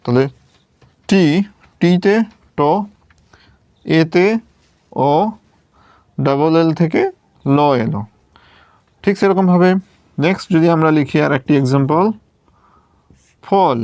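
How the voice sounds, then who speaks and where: A man's voice: on the high side, slow, pauses often, darkish tone, no echo. A man teaching English pronunciation, patiently spelling out each sound step by step and checking that his students follow. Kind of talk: slow step-by-step lesson at a writing board.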